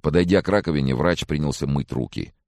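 A man narrating an audiobook in the first person, in a measured, expressive storytelling manner. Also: extremely low pitch, no echo, clean studio sound.

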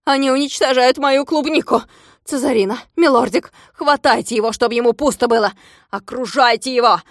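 A woman's voice: mid-range voice, fairly even intonation, moderate pace, dry recording, clean studio sound, close to an everyday voice. A woman voicing a furious bald rich male landowner who screeches orders and insults in a storybook reading. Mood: shrieking furious. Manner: screeching, ranting, bossy insults. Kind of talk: audiobook character voice.

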